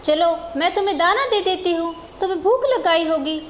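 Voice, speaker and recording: A woman's voice: very high-pitched, animated, brisk, fairly bright tone, slight background noise. A woman voicing a kindly village woman who coaxes her pet rooster fondly in a storybook tale. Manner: coaxing, fond.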